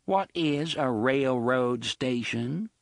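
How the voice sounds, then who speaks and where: A falsely polite elderly gentleman, played by a man narrator, formal and mannered with contempt under every word. The reading is dry and close, with a lively lilt. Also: medium pitch, slow pace, vocal fry, no room sound. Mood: puzzled.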